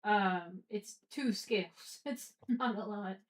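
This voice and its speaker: A woman taking part in a tabletop game, speaking at an ordinary pitch. She talks haltingly and earnestly, pausing often on "um". She sounds thoughtful and a little unsure. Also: rough recording. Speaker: player.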